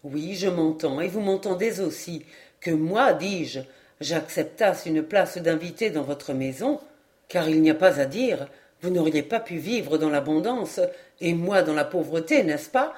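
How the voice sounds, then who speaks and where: A woman reading an audiobook, voicing an earnest, deeply moved young doctor in a lowered, soft-spoken voice. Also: lively intonation, a little slow.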